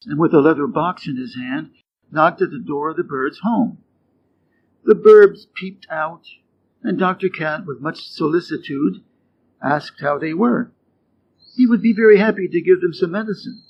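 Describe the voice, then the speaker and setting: An American man from the Midwest reading short fables and quiz questions clearly and deliberately for English learners. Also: a little high, lively intonation. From Wisconsin, USA. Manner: clear, deliberate, rising quiz intonation on answer choices. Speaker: English teacher reading stories. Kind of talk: slow scripted storybook reading for learners. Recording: dull lo-fi sound with faint noise.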